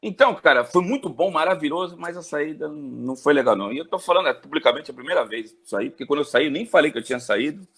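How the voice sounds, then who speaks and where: A man in his forties from Brazil speaks as a guest in an interview, with a husky voice. He talks fast and tells his stories in an animated way, his pitch jumping up and down. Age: 40s. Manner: animated storyteller with big pitch jumps. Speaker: sports journalist guest. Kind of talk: storytelling interview chat.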